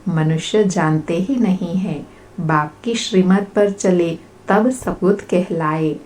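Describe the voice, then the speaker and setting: Brief: woman as spiritual reader, unhurried steady recitation, mellow tone. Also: fairly low pitch. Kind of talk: reading a religious discourse aloud.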